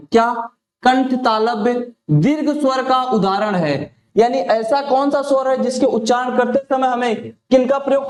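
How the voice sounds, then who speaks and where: A male teacher running an exam-prep lesson, who asks each question aloud and then answers it himself. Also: extremely high pitch. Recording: echoey room.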